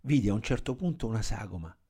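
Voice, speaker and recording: Low-voiced man narrating a crime story. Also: expressive, fast, dark tone, breathy edge.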